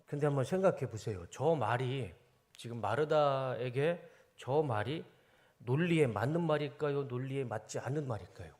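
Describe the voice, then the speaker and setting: A male pastor giving a sermon in a church, animated and often putting questions to the congregation. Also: medium pitch, moderate pace. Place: church sanctuary.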